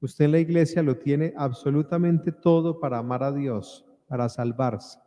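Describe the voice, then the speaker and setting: A man, a priest, leading liturgical prayers at Mass in a measured, solemn intoning way, his voice ringing with cathedral echo. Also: medium pitch, fairly even intonation, warm tone. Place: large church. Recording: long church-hall reverb.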